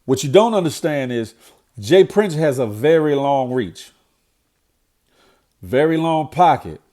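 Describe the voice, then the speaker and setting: This middle-aged vlogger comments on current events, his nasal voice sounding congested as if he has a cold. He speaks at a measured pace in a fairly high, dark-toned voice whose pitch swings widely. Blunt and preachy, he tends to repeat himself once he's worked up.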